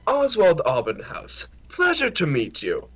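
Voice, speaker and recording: A man's voice: sits high, wildly swooping pitch, measured pace, a bit bright, breathy edge, voice pushed up, heavily acted. A man voicing a polite, eager halfling man at a tabletop game, in a mild, courteous way.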